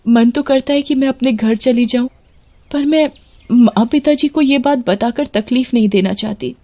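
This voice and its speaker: A woman's voice: fairly high pitch, moderate pace, pitched above the performer's own voice, natural voice. A woman doing a meek young daughter-in-law. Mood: worried. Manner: soft, pleading, hesitant.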